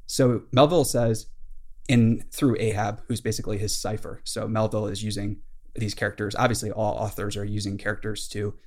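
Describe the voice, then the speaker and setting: A man's voice: on the low side, little pitch movement, a little fast, a little mellow. A man hosting a podcast, retelling a classic novel in a casual, enthusiastic way with many fillers. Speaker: podcast host.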